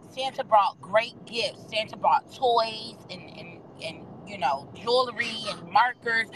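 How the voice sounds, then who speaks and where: A young woman with a slightly high voice tells a story in a dramatic, animated way, often turning to the listeners with y'all. There is faint noise under the recording. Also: rough recording. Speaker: guest. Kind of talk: casual storytelling chat.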